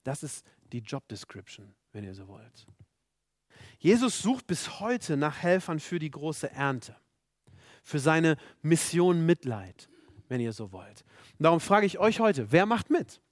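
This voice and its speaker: A man's voice: fairly high pitch, sing-song, measured pace, dry recording, studio quality. A man preaching a sermon, earnest and emphatic, repeating rhetorical questions to his listeners.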